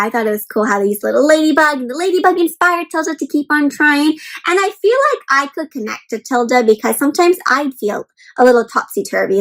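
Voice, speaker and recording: A high-pitched woman leads an interactive picture-book read-aloud for children, asking her young listeners questions. She speaks in simple, expressive, encouraging phrases, and the recording is rough.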